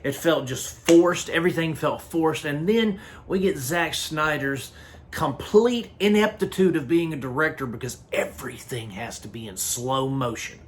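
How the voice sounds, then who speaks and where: A man's voice: on the high side, normal speed, slight background noise. A man hosting a casual film review, talking bluntly and rambling with frequent restarts. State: hiccups. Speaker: movie reviewer.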